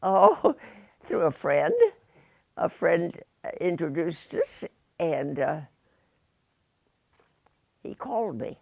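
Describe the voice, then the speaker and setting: A very old woman, about a hundred, with a Midwestern American accent, reminisces haltingly in an interview, pausing often. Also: deep voice, very animated, vocal fry, no echo. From United States, rural Indiana. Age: very old, about 102. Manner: halting delivery with long pauses and many hesitations.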